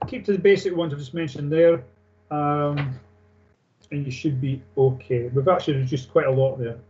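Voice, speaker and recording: A male technical instructor lectures a class in an informal, matter-of-fact way. His voice sits a little high for a man. He reads out procedures and explains them plainly, and the recording is dull and lo-fi. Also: steady tone, moderate pace, darkish tone, slight background noise. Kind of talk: classroom lecture on aircraft engine maintenance, reading and explaining. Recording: dull lo-fi sound.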